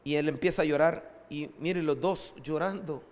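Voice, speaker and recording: A man preaching a sermon as pastor, lively and conversational, with asides to the congregation. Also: a little high, normal speed, long reverb tail.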